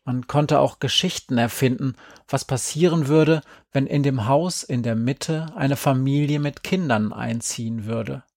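A man reading a story aloud in a calm, even storytelling manner. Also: mid-range voice, measured pace, vocal fry, few pauses, no room sound, studio quality. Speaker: narrator. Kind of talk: audiobook narration.

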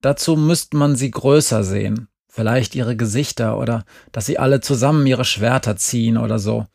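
A calm, fair-minded mother in a storybook, voiced by a man reading aloud. She reasons gently and steadily, in a slightly gravelly, close, dry voice. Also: medium pitch, moderate pace, no room sound. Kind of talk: scripted narration.

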